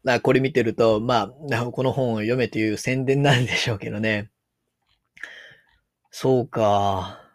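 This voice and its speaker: Man, Kansai accent, mid-range voice, relaxed solo commentary on an article, thinks aloud, dry close mic. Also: mid-range voice, unhurried, no room sound. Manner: musing aloud, reads passages out. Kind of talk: casual commentary on a news article.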